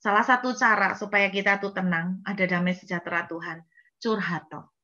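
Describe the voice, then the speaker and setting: Bright-voiced woman pastor preaching lively. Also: mid-range voice, moderate pace, muffled recording. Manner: lively, conversational preaching with acted-out cries. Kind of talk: sermon.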